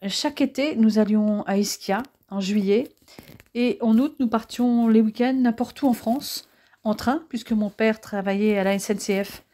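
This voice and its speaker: A woman's voice: a little high, moderate pace, warm tone, lightly acted. A woman reading the lines of an affectionate young woman who loves history, in an audiobook. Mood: chatty.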